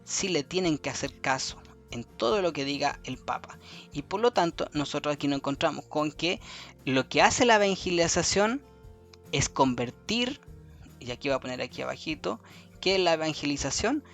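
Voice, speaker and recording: Man teaching slowly, stressing key words. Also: fairly high pitch, expressive, a bit bright. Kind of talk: classroom review lesson. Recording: faint music behind.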